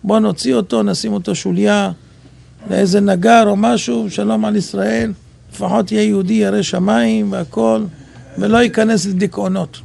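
Man, sermon, very gravelly voice, fairly high, animated storytelling. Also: a little hiss or hum. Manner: animated storytelling, voices dialogue, rising to shouts. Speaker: rabbi preacher.

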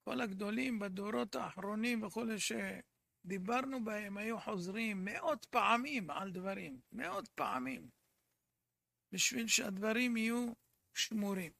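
A man teaching a religious lesson, telling a traditional story in an earnest way, often dropping to a quiet, intense tone for emphasis. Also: high-pitched, gravelly, no echo. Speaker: Torah teacher.

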